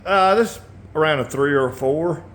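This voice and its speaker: A man hosting a casual motorcycle how-to video in his garage, relaxed and rambling, often clearing his throat and coughing. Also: a little high, moderate pace. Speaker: motorcycle builder and channel host.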